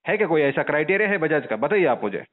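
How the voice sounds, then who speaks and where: Over a muffled, narrow-band phone line, a man with a slightly high voice calls a call centre as a journalist to complain. He talks quickly, his pitch swinging widely, as he presses indignantly with one pointed question after another.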